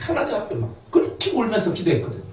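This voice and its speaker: A middle-aged man preaches a testimony sermon, his tone fairly high and very animated. He slips into dialect voices to quote family members. The recording is roomy and a bit distant, with faint room ambience behind him. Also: rapid-fire, slight background noise. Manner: emotional storytelling, dialect quotes. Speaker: pastor.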